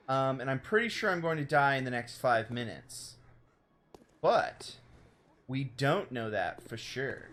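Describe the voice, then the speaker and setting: A young man chatting casually through a game stream, rambling and excitable, exclaiming at the game as he plays at home. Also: medium pitch. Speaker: let's play streamer. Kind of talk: casual gameplay commentary. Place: home room.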